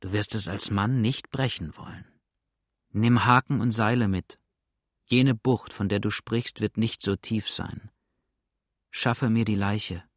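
A man's voice: lowish voice, fairly even intonation, measured pace, dry recording, studio quality. A man reading aloud as an earnest, determined lady who pleads firmly in a storybook. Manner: pleading, firm.

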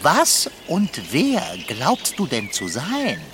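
A grumpy, lordly tomcat from a children's radio play whines and drawls at a slow pace. His pitch swings widely as he talks. Outdoor nature ambience with birds and animals is clearly heard behind him. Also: huge pitch swings, noisy background, exaggerated voice. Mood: grumbling. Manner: whiny and lordly, fussy word choice. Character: grumpy, pompous talking tomcat.

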